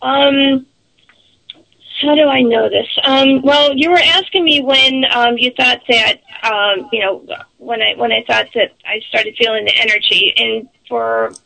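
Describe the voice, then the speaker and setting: A woman guest talking casually on a radio interview, halting as she searches for words. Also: fairly high pitch, vocal fry, bright, forceful tone, rough recording. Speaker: psychic medium guest on radio show.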